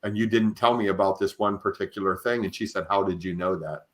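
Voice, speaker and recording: A man with a low voice hosts an interview podcast, speaking a little fast about religious experiences. He is conversational, earnest and explanatory, and he often restarts his phrases.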